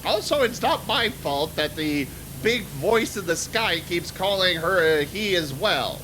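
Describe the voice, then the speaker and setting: Animated, unhurried man bantering over a game. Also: sits high. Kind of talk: casual banter while playing a video game. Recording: faint background noise.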